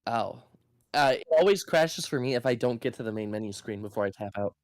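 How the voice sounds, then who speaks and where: A man's voice: medium pitch, animated, brisk, no room sound, studio quality. A man talking casually as a co-host on a video game stream.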